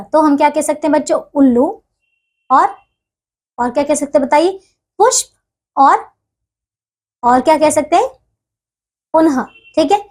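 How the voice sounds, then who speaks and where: A woman teaching a grammar lesson to young children, talking patiently and checking in with them again and again. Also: high voice. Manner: patient, repeats checks with listeners often.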